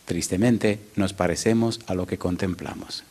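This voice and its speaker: A man's voice: low voice, fairly even intonation, moderate pace, darkish tone, breathy edge. A male pastor giving a sermon, asking the congregation questions and telling stories in a conversational way.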